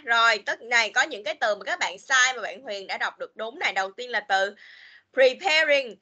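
Bright-voiced woman teacher. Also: on the high side. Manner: chatty, repeats "rồi", mixes English words into Vietnamese. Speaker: English teacher. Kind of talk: online class teaching children. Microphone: video call.

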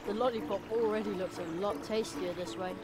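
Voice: mid-range voice, steady tone, fairly quick, lightly acted. An actor voicing a polite, curious young boy adventurer in a video game, making mild, musing remarks. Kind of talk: video game character acting. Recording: loud music behind the voice.

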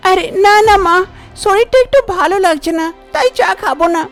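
A woman's voice: very high voice, lively intonation, brisk, faint music behind. A woman voicing a frightened young woman in a cartoon, tearful and pleading.

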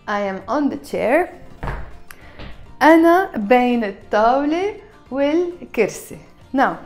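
A woman teaching a language lesson, saying each phrase carefully and then repeating it faster. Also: on the high side, a little mellow.

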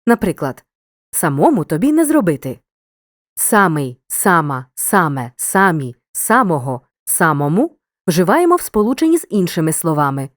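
A woman narrating a scripted grammar lesson in a clear, measured, instructive way. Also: on the low side, very animated, no room sound, studio quality.

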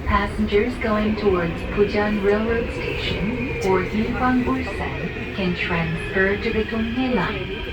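A woman giving a slow, polite recorded train announcement over a loudspeaker. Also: medium pitch, very noisy. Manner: slow, evenly paced, polite. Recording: echoey loudspeaker heard from far off.

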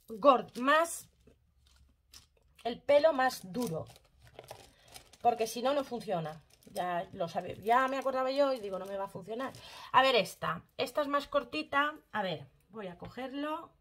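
A woman's voice: fairly high pitch, sharp tone. A woman chatting casually through a makeup tutorial, talking straight to her viewers and using lots of diminutives. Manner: chatty, addresses viewers directly, fond of diminutives. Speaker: makeup vlogger.

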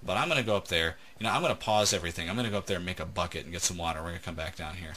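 A man's voice: deep voice, racing, sharp tone. A man hosting a let's play, chatting casually and telling jokes while gaming. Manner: joking, teasing storyteller. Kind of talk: casual gameplay chat.

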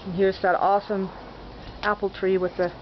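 A woman's voice: medium pitch, level tone, moderate pace. A woman giving a chatty, self-deprecating walking tour of her sunny backyard garden, narrating as she goes. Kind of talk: casual walking video tour. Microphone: handheld camera mic. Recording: dull lo-fi camcorder audio with outdoor noise.

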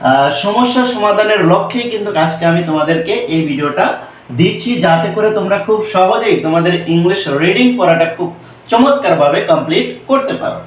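A man's voice: high-pitched, animated, brisk, a little hiss or hum. A man teaching a pronunciation lesson, often asking a question and then answering it himself, with English phrases mixed into his explanation. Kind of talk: classroom-style pronunciation lesson. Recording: roomy echo, voice from a distance.

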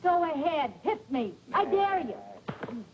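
An actress playing a spirited young wife and writer in a 1940s film, defiant and hurt. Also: female voice, high voice, expressive, a little fast, background noise. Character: spirited young woman novelist, wounded wife. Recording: dull old film soundtrack.

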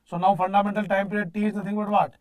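A man with a North Indian accent gives a classroom lecture in a high-pitched voice. He repeats key phrases with emphasis and often puts questions aloud before answering them himself. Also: flat delivery, rapid-fire. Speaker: teacher of exam-prep engineering course. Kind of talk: classroom lecture mixing English with Hindi. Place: indoor teaching studio at a digital board.

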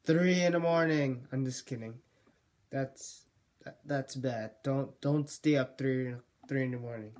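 Male vlogger, slow and unhurried, rambling and self-correcting, voice wearing thin. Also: mid-range voice, steady tone, warm tone. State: losing his voice. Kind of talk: casual vlog monologue.

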